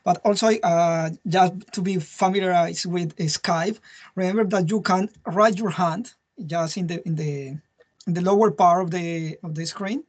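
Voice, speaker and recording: Halting webinar host on a call. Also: mid-range voice, fairly even intonation. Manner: halting, repeats words. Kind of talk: moderating an online webinar. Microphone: video call.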